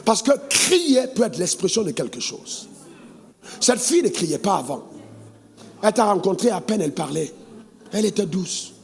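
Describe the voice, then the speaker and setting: A man from Côte d'Ivoire, preaching a sermon as pastor, with sing-song rises and bursts of shouting. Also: sits high, sing-song, moderate pace, vocal fry, pauses often.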